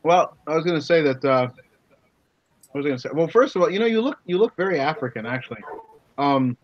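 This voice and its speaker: A man co-hosting a casual podcast, speaking haltingly with deadpan teasing. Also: on the high side, lo-fi sound. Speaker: podcast co-host.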